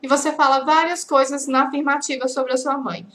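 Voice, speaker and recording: A Brazilian Portuguese woman teaching English, drilling example phrases slowly and often checking that her students are following. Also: sits high, steady tone, fairly bright tone, a little hiss or hum. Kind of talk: online language lesson. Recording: echoey room.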